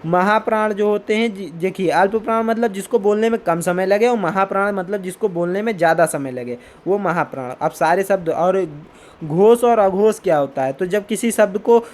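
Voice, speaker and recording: A male teacher giving a grammar lesson, sounding out each letter slowly and clearly and often checking in with a rising "theek hai". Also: high-pitched, a little mellow.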